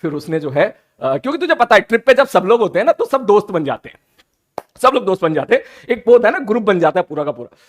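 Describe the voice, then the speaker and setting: A male teacher, telling his students a story in an animated, teasing way and slipping English phrases into his talk. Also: sits high, fast talker.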